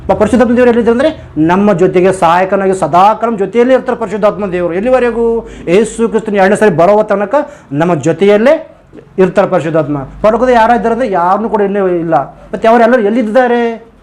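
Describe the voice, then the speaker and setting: A man's voice: high-pitched, fast talker, darkish tone. A male preacher giving a sermon and closing in prayer, earnest, often asking the listeners questions.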